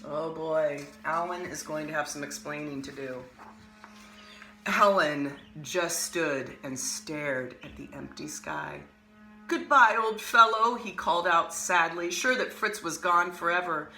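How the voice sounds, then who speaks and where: A woman hosting an art lesson, reading a picture book aloud with expressive, animated storytelling and casual asides. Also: low voice, unhurried, reverberant, soft background music. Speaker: art teacher and host.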